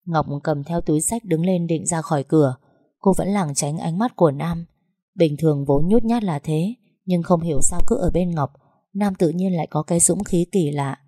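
A woman narrating a story in a calm, even storytelling manner. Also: on the low side, normal speed, husky, dry recording, studio quality. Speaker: audiobook narrator.

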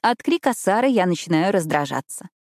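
A woman's voice: fairly low pitch, very animated, fairly quick, no echo, clean studio sound. Woman narrating a romance audiobook. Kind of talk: first-person scripted narration.

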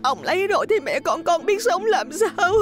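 A man's voice: sing-song, moderate pace, over music. A man doing a pleading peasant mother. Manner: pleading, high falsetto. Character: desperate poor peasant woman pleading, mother.

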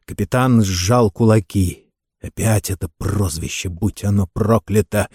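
A man narrating an audiobook in an expressive, wry storytelling manner. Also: fairly low pitch, a little slow, breathy edge, dry recording, studio quality.

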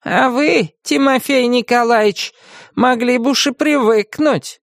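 A man's voice: sits high, wildly swooping pitch, slow pace, vocal fry, dry recording, clean studio sound, pitched above the performer's own voice, exaggerated voice. A man voicing a wry, strict ghost grandmother, over sixty, in a storybook reading. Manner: wry, stern, schoolmarmish.

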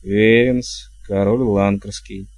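A man's voice: on the low side, fairly even intonation, takes it slowly, dry recording. A man voicing a courtly, ceremonious ghost king. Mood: formal. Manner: flowery, ceremonious speech.

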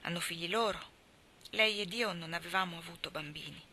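A grave, kindly older man, read by a woman, speaking slowly and softly in a slightly lowered voice. The tone still has a bright, clear edge. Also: slight background noise. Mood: gentle.

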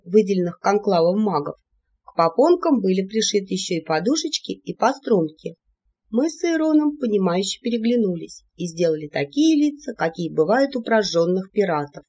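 An audiobook narrator tells a fantasy story with playful, lively storytelling and a pitch that jumps around. The voice is husky. The recording sounds dull and lo-fi.

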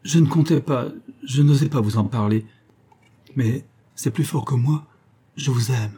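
A man's voice: mid-range voice, a little slow, warm tone, breathy edge, pitched above the performer's own voice. A man reading aloud, voicing a bashful, lovestruck young poet who speaks earnestly with a slightly choked voice. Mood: earnest, moved.

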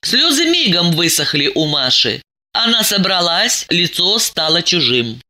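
A woman narrating an audiobook with expressive, lively storytelling. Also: fairly low pitch, measured pace.

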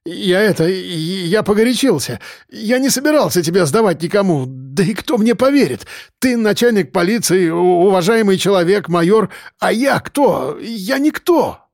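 Man doing a young male addict, high voice, dry close sound, swinging wildly in pitch. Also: animated, normal speed, creaky, few pauses, darkish tone, dry recording. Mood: pleading. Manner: shrill, pleading and accusing. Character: young male drug addict, desperate and bitter.

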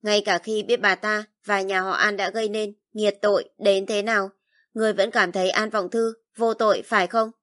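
A woman's voice: medium pitch, fairly even intonation, normal speed, a bit bright, close to an everyday voice. A woman reading as a cold, mocking young nobleman. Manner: cool, detached, taunting. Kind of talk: audiobook narration.

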